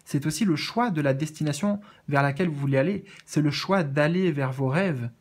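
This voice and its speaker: A man doing a casual spiritual card reading, earnest and gentle, with many fillers and restarts. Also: fairly high pitch, a little fast. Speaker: medium reading oracle cards.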